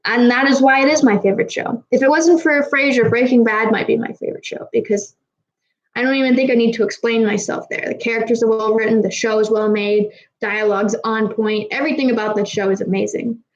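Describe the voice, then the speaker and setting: A woman's voice: on the high side, fairly even intonation, brisk, dull audio. Tipsy young woman rambling to chat. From Kazakhstan. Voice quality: trouble pronouncing R sounds. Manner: rambling, casual and frequently swearing. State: slightly tipsy. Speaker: streamer answering chat. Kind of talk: casual live Q&A chat.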